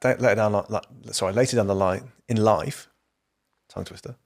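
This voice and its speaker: A young man in casual podcast conversation, asking questions in a hesitant, halting way. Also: on the low side.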